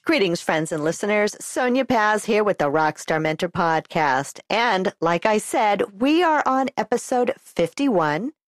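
A woman's voice: medium pitch, lively intonation, measured pace, hardly any pauses, faint music behind. Congested woman hosting a podcast. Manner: upbeat and chatty, addresses listeners directly. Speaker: podcast host. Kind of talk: casual solo podcast talk.

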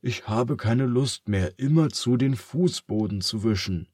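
A man voicing a forgetful, muddled male wizard who chants his spells slowly, in a storybook reading. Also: mid-range voice, a little mellow, breathy edge, no echo, clean studio sound, pitched above the performer's own voice. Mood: despairing.

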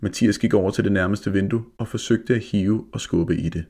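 A male narrator reads a scripted ghost story in a measured, steady way. His voice is very low with a gravelly fry and a husky grain.

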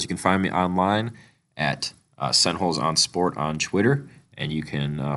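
A male podcast host fighting a chest cold, talking a bit monotone with lots of fillers as he reads a sponsor spot. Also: rumbling low. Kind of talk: sponsor read and interview.

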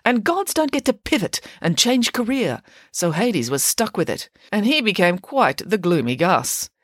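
Boastful pig nanny, high and swooping all over, woman puts her on, dry sound. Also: big pitch swings, moderate pace, no room sound. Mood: grandly boastful. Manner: boastful and theatrical. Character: grand, vain, cake-loving female pig nanny.

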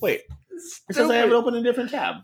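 Male podcast co-host, lively range, casual chat, restarts his phrases. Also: very high-pitched, rapid-fire, a crowd in the background.

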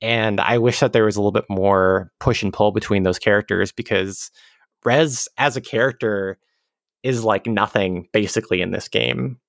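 A man's voice: on the low side, steady tone, normal speed, vocal fry, no room sound, clean studio sound. A man chatting casually as a podcast co-host about a video game, with a wry, jokey, ironic way of riffing.

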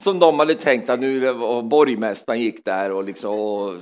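A man preaching a charismatic sermon in a church, swinging between loud exclamations and hushed asides, often repeating words as he goes. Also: mid-range voice, smooth.

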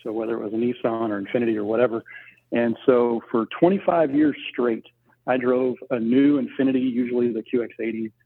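A middle-aged business owner from Texas, United States, tells his story casually as an interview guest on a remote call. His mid-range voice is husky and a little fast, and the connection sounds muffled and tinny, like a phone.

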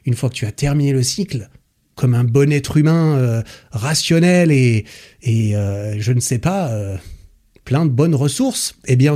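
A man's voice: medium pitch, mellow, husky. A man hosting a podcast, summarizing a book in a chatty, enthusiastic way with slang and frequent fillers. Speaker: podcast host.

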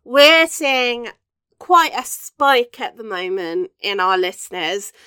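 A woman co-hosting a podcast, posh-sounding and high-voiced, chatty and giggly, swearing freely in casual chat. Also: lively intonation, slow, pushed and bright, smooth, dry recording. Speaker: podcast co-host.

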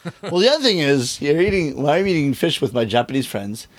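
Animated middle-aged male storyteller. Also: fairly high pitch, fast talker, no room sound. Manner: animated storyteller, acts out quoted voices. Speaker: rakugo storyteller, guest. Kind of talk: casual interview talk.

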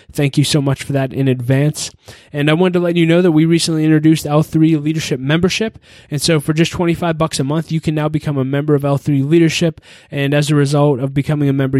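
Male podcast host, slightly high voice, upbeat promo read, dry booth sound. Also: a little mellow, no room sound. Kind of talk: scripted podcast intro and interview.

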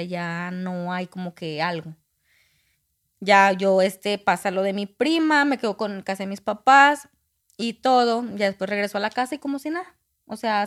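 A woman, a podcast guest candidly telling a personal story and acting out what people said. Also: medium pitch. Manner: candid, acts out quoted dialogue.

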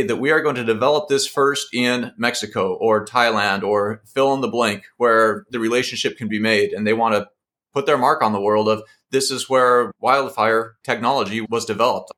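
Male interviewer at a middle pitch; probing, asks layered questions in several parts. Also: fairly bright tone. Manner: probing, frames long multi-part questions.

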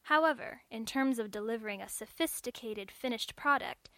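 A woman narrating a story in a measured, clear storytelling manner. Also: on the high side, sharp tone, no echo.

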